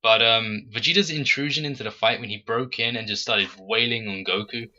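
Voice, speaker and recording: A man hosting a casual fan podcast, talking in an animated, critical way and jumping high when he acts out quotes. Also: brisk, highs cut off. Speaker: podcast host.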